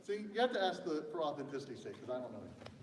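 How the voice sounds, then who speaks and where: A man's voice: fairly high pitch, sing-song, rapid-fire, a little hiss or hum. A man preaching a casual sermon, telling stories in a chatty way and joking with the congregation. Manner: chatty storyteller, acts out quotes. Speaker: pastor. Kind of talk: casual sermon with audience banter. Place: church sanctuary. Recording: echoey church hall from a distance.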